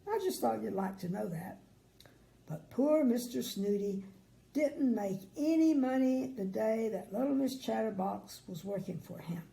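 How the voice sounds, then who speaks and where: A sweet older woman reading a children's bedtime story aloud in a gentle, grandmotherly way, with chatty asides. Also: a little high, lively intonation, a little slow, creaky, rough recording.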